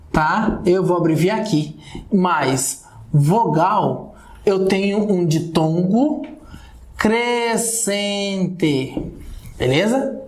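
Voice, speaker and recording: Brazilian man as a lecture-video teacher: slow, explanatory, keeps checking in with students; roomy echo. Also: high-pitched, darkish tone. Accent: Brazilian Portuguese. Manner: explanatory, addresses viewers often with "olha só" and "galera".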